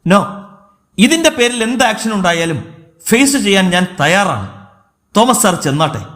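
A man's voice: high voice, sing-song, a little slow, a bit bright, full character voice. A man voicing a firm young woman official. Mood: resolute. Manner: firm, insistent.

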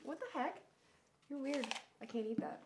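A woman's voice: high-pitched, normal speed, gravelly, very noisy. A woman in her twenties co-hosting a casual live stream, chatty and giggly. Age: 20s. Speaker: co-host of a shop live stream.

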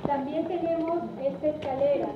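A woman's voice: high-pitched, steady tone, normal speed. A woman giving a guided tour explanation in a didactic way, often putting questions to her group. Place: large echoey indoor room. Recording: lo-fi, noisy, very echoey, distant mic.

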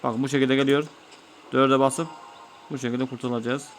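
A man's voice: mid-range voice, flat delivery, normal speed, slight background noise. A man giving let's-play commentary, patiently explaining each step of an old game to his viewers. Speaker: gaming YouTuber.

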